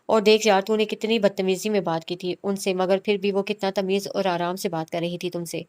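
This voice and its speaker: A woman's voice: medium pitch, little pitch movement, darkish tone, no room sound, close to an everyday voice. Woman reading as a cheeky young student. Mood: grumbling.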